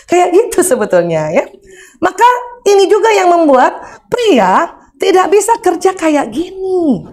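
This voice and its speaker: Animated high-voiced woman lecturer. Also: slow, long pauses. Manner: animated and humorous, acting out examples with laughter. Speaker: lecturer on parenting and marriage. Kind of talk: religious parenting lecture to an audience.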